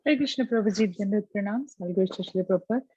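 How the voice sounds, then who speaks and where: A woman with a South Indian accent sharing a personal reflection on an online group call, halting as she searches for words. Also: medium pitch, mellow, breathy edge, dry recording. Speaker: class participant. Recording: dull, muffled online call audio.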